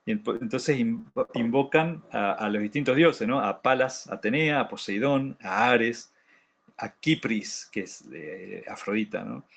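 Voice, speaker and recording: A man's voice: medium pitch, unhurried, gravelly, a bit bright, husky. A man leading a reading group, commenting on a classic text in a hesitant way with many restarts.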